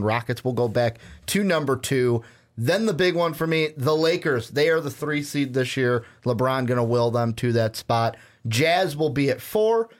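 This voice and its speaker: A man co-hosting a sports podcast, talking casually and informally. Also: medium pitch. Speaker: podcast co-host.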